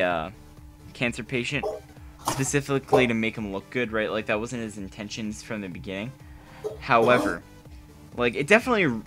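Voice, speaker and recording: A man's voice: mid-range voice, pushed and bright. A man co-hosting a casual live podcast, rambling along with lots of fillers. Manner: rambling, filler-heavy, easygoing. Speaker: podcast co-host.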